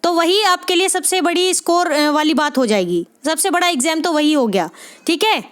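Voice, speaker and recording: Very high-voiced woman tutoring for exams. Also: lively intonation. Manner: encouraging, repeats "ठीक है?" after nearly every phrase; spells out sounds slowly one by one. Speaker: Hindi literature exam tutor. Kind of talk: spoken exam-prep lesson.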